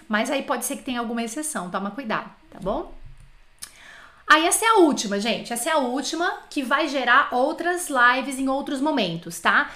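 A Brazilian woman teaches French on a relaxed live stream. Her voice sits high and sounds bright and clear. She talks in a chatty, animated way and keeps turning to her viewers with asides. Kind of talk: casual live-stream lesson.

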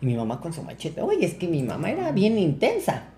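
Young mexican guy on a podcast, telling a story all animated, doing everyone's voices, cussing a lot, echoey room. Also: fairly high pitch, a little fast, a little hiss or hum. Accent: Mexican Spanish. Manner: animated, acts out quoted voices, swears freely. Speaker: podcast guest. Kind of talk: casual storytelling. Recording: roomy echo.

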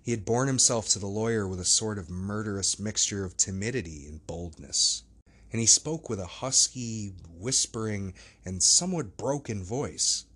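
A man narrating a classic novel as an audiobook, in measured, steady storytelling. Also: lowish voice, husky.

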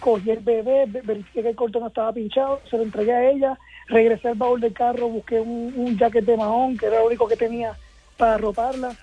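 Fast-talking Puerto Rican man. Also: extremely high pitch, fairly even intonation, breathy edge, dull audio, faint music behind. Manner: explains himself step by step. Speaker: interview guest, father. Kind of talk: casual storytelling.

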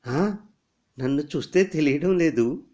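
A man reading a story aloud, voicing a firm, composed young woman who scorns weakness and later pleads gently. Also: mid-range voice, expressive, a little slow, voice pushed up, lightly acted. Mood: gentle. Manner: stern then gently pleading.

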